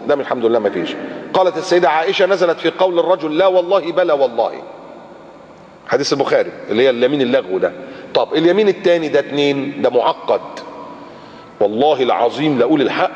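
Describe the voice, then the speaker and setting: A man with an Egyptian Arabic accent preaching a colloquial sermon, animated and acting out everyday speech. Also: medium pitch. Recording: muffled lecture-hall recording with long reverb.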